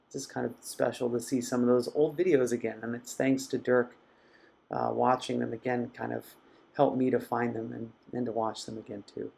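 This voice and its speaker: Gravelly-voiced man, reflective live-stream host. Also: medium pitch, flat delivery. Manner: reflective, soft-spoken and halting. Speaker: mindfulness teacher hosting a live session. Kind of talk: casual live-stream talk reading viewer comments.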